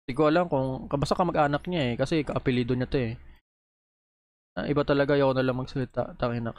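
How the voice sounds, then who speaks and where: A man's voice: mid-range voice, steady tone, fast talker. A man reacting on video in a heated, profane, scolding rant, talking straight into a close microphone. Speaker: video creator reacting to posts.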